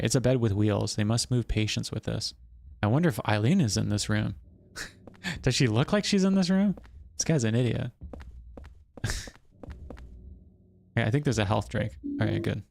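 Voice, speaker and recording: A man's voice: fairly low pitch, gravelly, a little mellow. A man streaming a horror game live, giving casual, rambling commentary full of fillers and chuckles.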